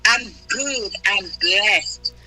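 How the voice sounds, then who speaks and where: A woman's voice: medium pitch, drawn-out words, bright, forceful tone, soft background music. A woman, a guest on a phone call, answering politely and briefly. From England. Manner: polite, says "yes, sir" and gives short replies. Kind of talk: casual chat. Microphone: phone without headset.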